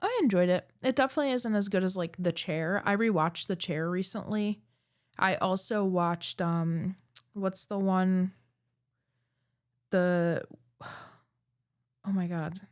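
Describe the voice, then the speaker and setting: A woman's voice: lowish voice, a little slow. Chatty woman co-hosting a podcast. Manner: chatty, rambling with many fillers. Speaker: podcast co-host. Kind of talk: casual chat.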